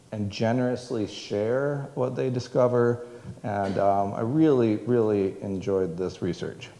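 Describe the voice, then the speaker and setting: A museum director with a medium-pitched, dark-toned voice gives a public history talk to an audience in a museum event room. He rambles with lots of fillers and restarts, and the hall is echoey with long reverb.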